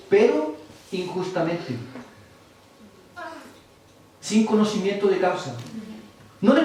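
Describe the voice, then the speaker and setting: A man with a Chilean Spanish accent preaching a sermon as pastor, lively and acting out other people's voices. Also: high voice. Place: church. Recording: far-off mic in echoey church hall.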